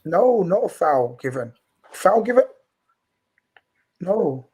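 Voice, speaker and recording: A man's voice: sits high, big pitch swings, slow pace, darkish tone, slight background noise, poor audio. A man hosting a casual live football watchalong, chatting and commenting as play goes on. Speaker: watchalong host. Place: in a house.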